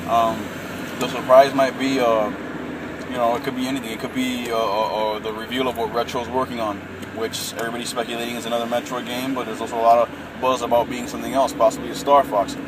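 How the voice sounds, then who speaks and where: A man's voice: medium pitch, level tone, fast talker. A man in his late twenties ranting casually about gaming, calling everyone man and bro, with a lot of fillers. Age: late 20s. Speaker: gaming vlogger. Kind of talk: casual rant to camera. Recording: distant mic with loud traffic and air conditioning. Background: vehicle and urban noise.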